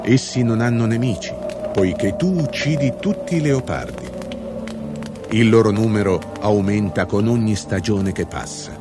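A man voicing a wise old grandfather, speaking slowly, calmly and gravely in a lowered voice over background music. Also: lightly acted. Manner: slow, calm, grave.

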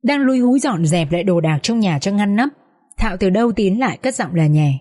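A woman narrating a dramatic story with steady, expressive reading. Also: mid-range voice, fairly quick, big-room sound. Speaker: audiobook narrator.

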